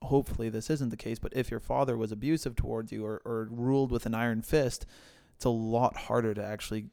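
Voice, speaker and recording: Guy with a gravelly voice talking faith slow and thoughtful, dry close sound. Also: mid-range voice, steady tone, dry recording. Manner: reflective, measured and gentle. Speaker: podcast co-host. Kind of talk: casual faith discussion.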